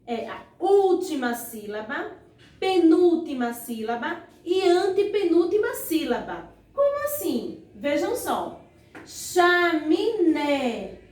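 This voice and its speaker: Her pitch is extremely high and sing-song yet dark in tone as she leads an online primary school lesson, the mic distant in an echoey room. She drawls words slowly syllable by syllable and peppers her teaching with "ó" and "vejam só" prompts to pupils.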